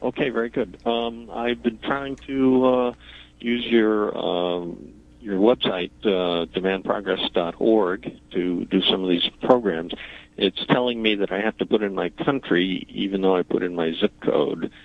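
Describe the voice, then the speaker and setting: A man calling in to a radio show over a telephone line. He talks haltingly, with many fillers and long explanations. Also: fairly low pitch, creaky, no room sound. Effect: heard over a telephone line. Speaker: caller. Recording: tinny phone line.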